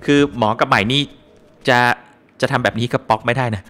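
A man's voice: medium pitch, fairly quick, soft background music. A man streaming a game live, joking with his chat, exclaiming often and thanking viewers for donations. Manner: animated and joking, with frequent exclamations and laughs. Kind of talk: casual live-stream gameplay commentary.

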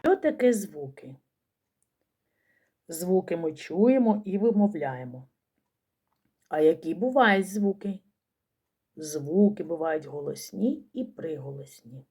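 A woman teacher giving a slow, careful phonics lesson to young children, sounding out each letter. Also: mid-range voice, warm tone, slightly rough.

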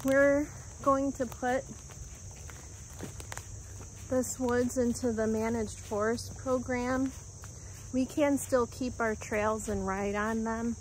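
A woman calmly narrating a walk through her woods, pausing often as she points out plants and animals. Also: fairly high pitch, a little hiss or hum, rough recording. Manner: calm, unhurried, pausing often. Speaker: homestead vlogger. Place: outdoors in woods by a creek. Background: faint insects and outdoor ambience.

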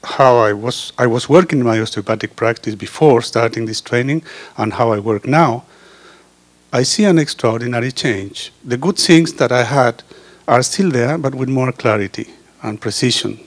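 In an indoor meeting room, a man holds a microphone and reads an earnest, prepared personal speech as an osteopath's testimonial. He is from Chile, a native Spanish speaker, and his mid-pitched delivery is halting, full of pauses and restarts.

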